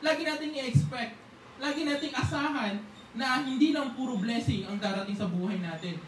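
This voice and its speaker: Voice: sits high, normal speed. Preacher in an echoey church hall. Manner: conversational preaching, keeps asking "di ba?" and acting out prayers. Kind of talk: sermon. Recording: echoey hall, voice from far off, faint hiss.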